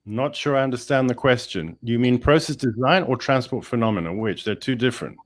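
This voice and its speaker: A male engineering professor, not a native English speaker, takes part in a webinar discussion with emphatic energy and frequent false starts. He speaks a little fast in a mid-range voice, with no room sound on the recording.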